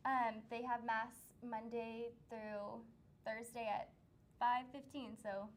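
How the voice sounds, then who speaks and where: A woman's voice: fairly high pitch, flat delivery, takes it slowly, slight background noise. A young woman co-hosting a student talk show, chatting casually with many ums and easy laughs. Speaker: student producer and co-host. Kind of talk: casual interview chat.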